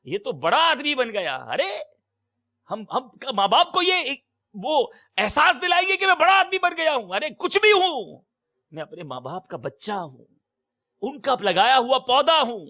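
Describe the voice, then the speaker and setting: A man delivering an impassioned sermon, full of emphatic exclamations, swinging between loud and soft. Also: very high-pitched, sing-song. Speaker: preacher. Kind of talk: Urdu sermon.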